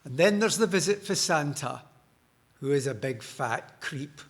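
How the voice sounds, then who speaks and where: A man's voice: a little high, expressive, a little slow. A man putting on a grumbling Scottish tree-top fairy. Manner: bawdy comic complaining.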